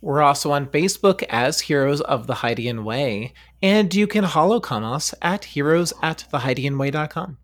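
Animated man in casual banter. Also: fairly high pitch, normal speed, few pauses. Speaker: tabletop game player.

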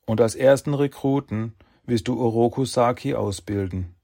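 A man's voice: mid-range voice, normal speed, vocal fry, mellow, no echo, studio quality, pitched above the performer's own voice, close to an everyday voice. A man voicing cold, menacing, authoritative clan elders in a dramatic audiobook. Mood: stern, commanding. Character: three shadowy clan elders, cold, monotone, commanding, menacing.

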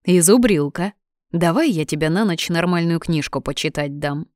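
A woman voicing a cocky, teasing young male student in an audiobook, with a lowish voice and dry sound. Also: normal speed, darkish tone, no room sound, close to an everyday voice. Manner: teasing, bossy.

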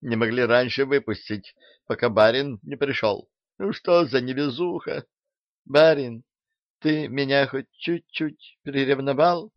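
A man's voice: medium pitch, measured pace, dry recording, pitched above the performer's own voice, close to an everyday voice. A man voicing a feisty, short, hot-tempered young peasant maid who squeals and scolds. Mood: grumbling. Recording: dull, dry audiobook recording.

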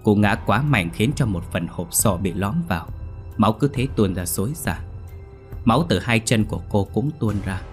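A male storyteller with a low voice reads a grim horror tale, his delivery lively and full of swings. Soft music plays quietly underneath throughout. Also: normal speed. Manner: expressive, vivid storytelling. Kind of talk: dramatic horror story narration. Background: soft background music.

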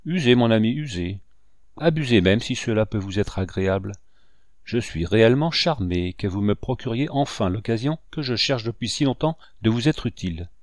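A pompous, patronizing wealthy planter from a classic novel, read aloud by a man. He speaks in a low voice with a close, dry sound. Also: lively intonation, normal speed, dry recording, close to an everyday voice. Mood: condescending. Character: rich planter, condescending then nervous. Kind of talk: audiobook character reading.

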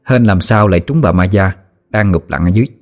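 Một người đàn ông giọng miền Nam kể truyện ma dân gian như sách nói, giọng mộc mạc, sinh động. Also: male voice, low voice, fast, soft background music. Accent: Southern Vietnamese. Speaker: storyteller. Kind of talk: audiobook narration.

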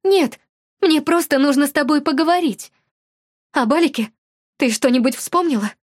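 A woman's voice: sits high, lively intonation, normal speed, no room sound, studio quality, voice pushed up. A woman voicing a young woman who dabbles in magic, speaking in an urgent, pressing way in an audiobook. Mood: insistent. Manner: urgent, pressing, growing menacing. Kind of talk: audiobook character voice.

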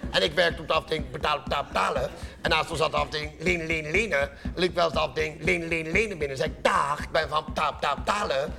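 Gravelly man doing a comic monologue. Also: on the high side, fairly even intonation, racing, few pauses, music in the background. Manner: rhythmic, repeats chant-like sounds. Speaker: cabaret performer.

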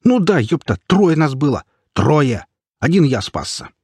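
A man's voice: on the high side, big pitch swings, measured pace, a little mellow, breathy edge, no room sound, clean studio sound, voice pushed up, full character voice. A man voicing a shifty, swearing male looter who whines and squeals when cornered, in an audiobook. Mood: insistent. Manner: whiny, squealing, cornered and aggressive. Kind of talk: audiobook character voice.

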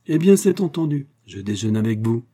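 A man's voice: mid-range voice, big pitch swings, normal speed, warm tone. A man voicing a composed, kindly inventor in an audiobook. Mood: calm. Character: calm, amused middle-aged male inventor.

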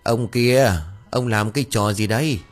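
A man voicing a middle-aged village wife who scolds her husband in a shrill, exasperated voice. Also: fairly even intonation, moderate pace, faint music behind, natural voice. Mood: scolding.

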